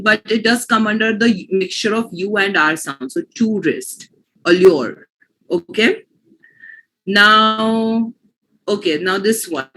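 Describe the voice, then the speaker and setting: Slow-paced Indian woman teaching. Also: mid-range voice, a bit bright, rough recording. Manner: explains patiently, often checks understanding. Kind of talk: online class lecture on pronunciation.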